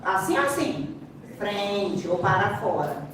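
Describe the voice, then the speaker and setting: A woman's voice: mid-range voice, sing-song, slow, fairly bright tone. A woman with a Brazilian Portuguese accent gives a live seminar explanation as a speaker and sign language interpreter. She is instructive, keeps pointing the audience to the demonstration, and adds playful asides. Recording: very echoey hall, distant mic, faint room noise.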